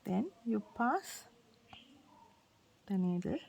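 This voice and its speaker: In this informal craft demonstration, the host, a native Sinhala speaker with a Sri Lankan accent, walks through each step using simple phrases she repeats often. She has a mid-range, darkish voice with lively intonation, drawn-out words and some vocal fry.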